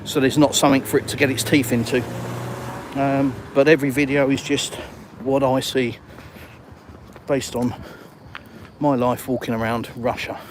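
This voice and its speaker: A middle-aged Englishman with an English accent talks casually into his phone while strolling outdoors after dark. He reads out viewer comments and answers them. Faint traffic hum sits behind his voice. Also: medium pitch, level tone, moderate pace. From England. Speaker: vlogger. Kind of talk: live walk-and-talk stream. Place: city streets at night, outdoors. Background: faint traffic noise.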